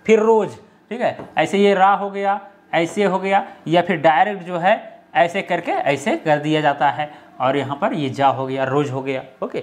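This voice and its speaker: A man explaining a script lesson step by step, often checking in with the viewer. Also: fairly high pitch. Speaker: teacher.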